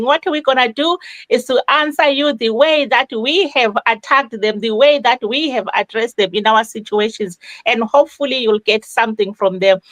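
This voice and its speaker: A woman's voice: high voice, a bit bright, dry recording. A woman from Zimbabwe, hosting a live online panel in a welcoming way and repeating phrases for emphasis. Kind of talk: live motivational panel talk.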